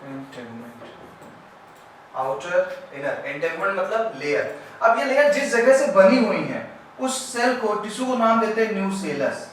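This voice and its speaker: A man teaching a biology lesson at a board. He explains step by step, asks his class if it is clear, and goes loud and then quiet as he draws. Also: high voice, sing-song, measured pace, recorded from a distance. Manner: loud when explaining, quiet and trailing off while drawing. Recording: very echoey room, voice off-mic, faint background hiss.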